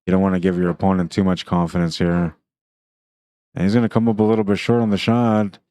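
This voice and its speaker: Male livestream pool commentator: low, even delivery, talks through shots casually. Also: quick pace, clean tone, dry recording. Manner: chatty, thinks aloud about shots.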